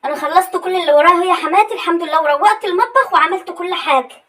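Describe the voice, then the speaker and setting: A woman playing a meek, rapid-talking Egyptian daughter-in-law. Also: very high voice, a bit bright, poor audio. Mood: obliging. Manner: meek, obliging replies. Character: dutiful, patient young daughter-in-law. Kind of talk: comedy sketch acting.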